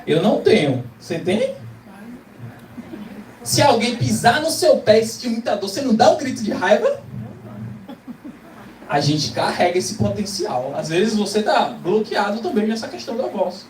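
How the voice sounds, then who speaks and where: A man's voice: high-pitched, very animated, normal speed, pauses often, a little mellow, slight background noise. A man with a Brazilian Portuguese accent preaching a motivational sermon to a live audience, emphatic and full of rhetorical questions. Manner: emphatic, rhetorical questions, acts out quoted voices. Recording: echoey hall, distant mic, faint ambience.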